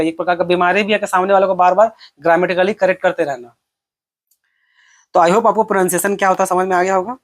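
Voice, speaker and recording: A young man leads an exam-prep lesson in an easy, conversational voice. He keeps asking questions aloud and then answers them himself. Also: high voice. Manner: conversational, asks and answers his own questions. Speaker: teacher.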